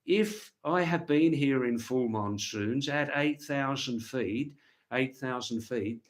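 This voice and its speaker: Speaking slowly at a medium pitch, this man hosts a casual livestream, rambling as he talks to viewers and repeating words and phrases to stress them.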